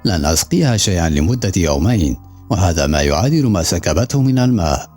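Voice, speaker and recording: An angry, domineering ship captain barks orders in a storybook reading, as a man puts him on. The voice sits very low yet moves a lot in pitch, harsh and commanding, with faint music behind. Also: very animated, fast, darkish tone.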